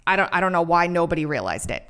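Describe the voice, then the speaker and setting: A woman co-hosting a casual political talk show, chatting in quick asides and reading quotes aloud. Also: lowish voice, big pitch swings, fairly bright tone, smooth. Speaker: podcast co-host.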